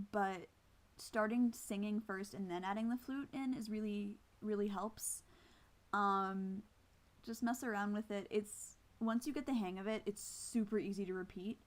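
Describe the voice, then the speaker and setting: A woman flute player with missing teeth, giving an informal, hesitant and self-deprecating tutorial. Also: mid-range voice. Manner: casual, self-deprecating, hesitant while explaining. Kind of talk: informal instructional talk with demonstrations.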